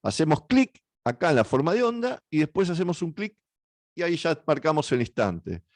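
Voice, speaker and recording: A man with an Argentine Spanish accent leading a software workshop, talking through the steps with frequent fillers and self-corrections. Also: on the high side, very animated, moderate pace, no room sound, studio quality. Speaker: workshop instructor. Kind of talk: software tutorial walkthrough.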